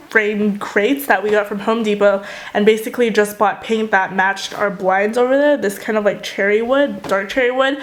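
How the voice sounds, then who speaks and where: Recovering from a mild bout of tonsillitis, this young video blogger chats casually, her mid-range voice coming out muffled and swallowed. There is slight background noise in the clip.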